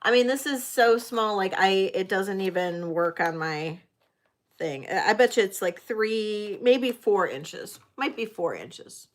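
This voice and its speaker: A woman's voice: medium pitch, expressive, unhurried. A middle-aged woman working as a casual auctioneer on a live sale, chatting and addressing bidders by name.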